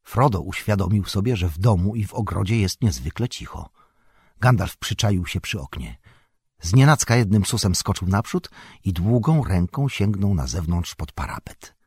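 Male audiobook narrator, low voice, breathy, dry close mic, calm reading. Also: normal speed, no echo. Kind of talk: scripted narration.

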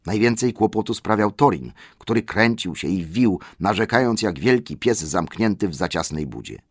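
Man, audiobook narrator, lowish voice, dry close recording, measured. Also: expressive, slightly rough, no echo. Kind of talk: scripted narration.

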